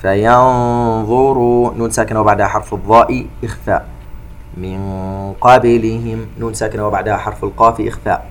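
A man teaching the rules of Quran recitation in a calm, methodical, step-by-step way. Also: lowish voice, very fast. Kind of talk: tajweed lesson, explaining rules between recited verses.

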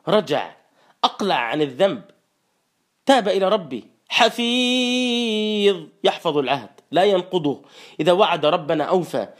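A high-pitched man gives a sermon, stretching out recited verses slowly and then explaining them in a quicker, plainer tone. His delivery swings between solemn recitation and earnest teaching. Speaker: preacher. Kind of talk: Quranic exegesis sermon.

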